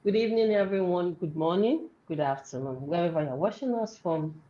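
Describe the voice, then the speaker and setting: A woman's voice: fairly low pitch, expressive, a little fast, lo-fi sound. A woman from Nigeria, introducing herself proudly as a panelist on a live show. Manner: warm, proud. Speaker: guest panelist.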